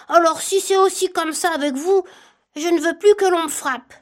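A very high, squeaky little elephant calf, as a woman storyteller puts him on, timid and endlessly polite. He pleads in a small childlike voice, apologizing before every question, like a storybook animal. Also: moderate pace. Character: polite, curious young elephant calf, boy.

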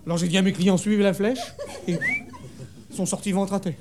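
High-voiced French comedian on stage. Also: male voice, a little fast. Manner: deadpan storytelling with sudden high shouted punchlines. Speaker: stand-up comedian. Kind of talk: comic monologue before a live audience. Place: theatre stage with a laughing audience. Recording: live show recording with crowd laughter and noise.

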